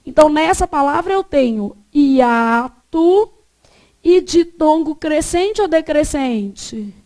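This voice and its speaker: High-voiced Brazilian woman teaching a class. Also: expressive, slow, dark tone. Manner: quizzing students with repeated check questions. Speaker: Portuguese teacher. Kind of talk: classroom grammar lesson.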